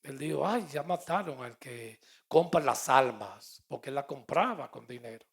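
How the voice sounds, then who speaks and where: A middle-aged man with a Puerto Rican accent, a pastor preaching a sermon and telling stories, moving between loud and soft. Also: mid-range voice, expressive, moderate pace, creaky. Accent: Puerto Rican Spanish. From Puerto Rico. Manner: storytelling with quoted dialogue, swings between loud and soft.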